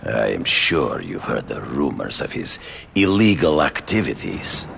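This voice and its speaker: An actor playing a proud hunter turned vigilante in a video game, with a grandiose, hammy stage-actor delivery. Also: male voice, a bass voice, sing-song, unhurried, gravelly, a bit bright, slight background noise, heavily acted. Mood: stern, forceful.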